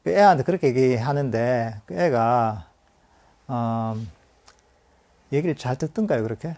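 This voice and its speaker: A male Buddhist monk with a dark-toned, mid-range voice gives a meditation lecture at a measured pace with lively intonation. The talk is conversational, full of fillers and restarts, with acted inner-voice quotes and light laughter.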